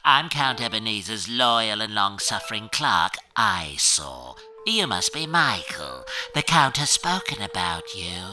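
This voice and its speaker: An actor playing a count's loyal, long-suffering clerk, formal and deferential, in a comedy audio drama. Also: male voice, fairly low pitch, sing-song, a little slow, few pauses, pushed and bright, full character voice. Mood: dutiful.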